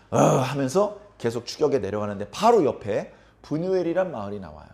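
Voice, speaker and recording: A male pastor preaching a sermon, retelling a story with animated delivery and questions to the congregation. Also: mid-range voice.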